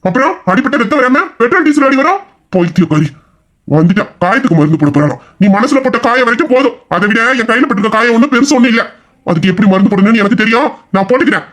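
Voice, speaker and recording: Racing along at an extremely high pitch, a man with an animated, fairly bright voice acts in a Tamil audio drama. Playing a short-tempered young husband, he answers every line with sarcasm, bitterness and anger.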